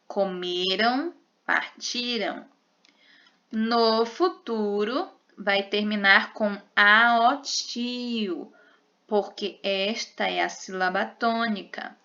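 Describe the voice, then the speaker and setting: A woman teaching a grammar lesson, slowly drilling verb endings one by one. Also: a little high, bright, forceful tone. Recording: dull lo-fi recording.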